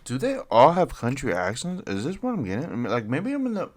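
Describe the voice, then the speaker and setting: A man's voice: medium pitch, wildly swooping pitch, fast. A man reacting to comedy clips with blunt, profane, scoffing commentary. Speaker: reaction streamer.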